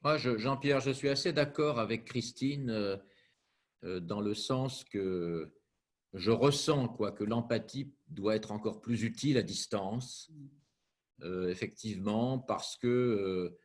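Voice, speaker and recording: A man taking part in a remote meeting discussion. He speaks hesitantly, with many pauses and restarts. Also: lowish voice. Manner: hesitant, halting, full of pauses. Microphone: video call.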